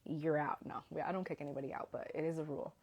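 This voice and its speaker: A woman's voice: deep voice, steady tone, very fast, creaky, a little mellow, slightly rough, lo-fi sound. Earnest woman on a heartfelt live stream. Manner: heartfelt, earnest, drops to whispers when moved. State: holding back tears. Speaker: host of an Instagram Live. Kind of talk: emotional casual live stream talk.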